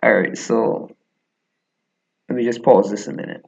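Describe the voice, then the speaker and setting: In a muffled recording from an echoey small room at home, a man in his twenties with a Barbadian accent gives rambling commentary while gaming. His voice is fairly low, steady and creaky, at a measured pace. As a gaming vlogger, he wanders through his thoughts, heavy on fillers, with little chuckles.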